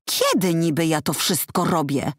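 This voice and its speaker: A woman's voice: low-pitched, very animated, moderate pace, slightly rough, dry recording, studio quality, full character voice. A woman voicing a huffy brash crime novelist. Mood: indignant. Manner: huffy, indignant.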